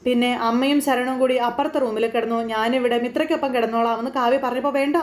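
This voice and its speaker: A woman's voice: fairly high pitch, fairly even intonation, echoey room. A woman casually retelling a TV serial episode in chatty storytelling style. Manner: chatty, quick storytelling with filler tags. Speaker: TV serial recapper.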